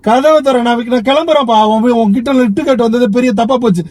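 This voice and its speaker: A man's voice: very high voice, fast, a little mellow, a little hiss or hum. A man caught in a car prank, exasperated and pleading to be let out. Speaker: taxi passenger and prank target. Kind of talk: unscripted argument. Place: inside a car.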